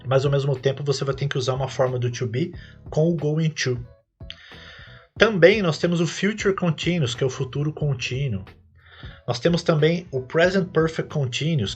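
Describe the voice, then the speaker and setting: A man with a Brazilian Portuguese accent hosts a podcast lesson as an English teacher, explaining patiently step by step. His voice is on the high side with a breathy edge, and he lifts it on each English example phrase.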